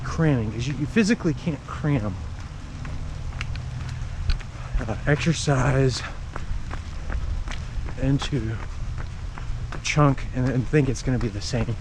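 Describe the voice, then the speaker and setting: Male running vlogger, medium pitch, casual explainer delivered mid-jog in short bursts, noisy outdoor recording. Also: a little slow, long pauses. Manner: talking while jogging, in short broken phrases. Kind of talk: casual explanatory vlog talk while running. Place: outdoors on a run in the rain.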